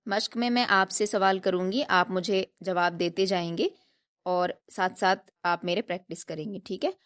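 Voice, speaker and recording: A woman teaching a tajweed lesson, explaining patiently step by step and drilling each sound slowly. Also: fairly low pitch, steady tone, a bit bright. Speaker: Quran recitation teacher.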